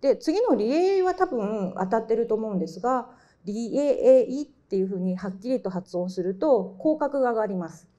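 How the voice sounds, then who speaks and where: A middle-aged woman giving a mock university lecture to high school students, explaining step by step with many fillers and self-corrections. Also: lively intonation, normal speed, few pauses, warm tone. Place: lecture hall. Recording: dull lo-fi lecture recording.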